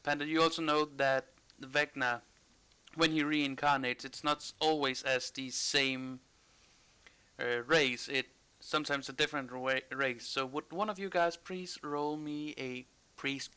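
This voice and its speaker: A man's voice: on the high side, fairly even intonation, measured pace, pushed and bright, clean tone. A man narrating a tabletop role-playing game as game master in a casual, conversational style.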